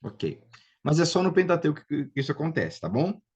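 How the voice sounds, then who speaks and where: Brazilian guy teaching hebrew over a video class, kinda husky, patient, checks in a lot. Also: on the high side, sing-song, fairly quick, dull audio. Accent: Brazilian Portuguese. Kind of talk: live online class, explaining and drilling pronunciation.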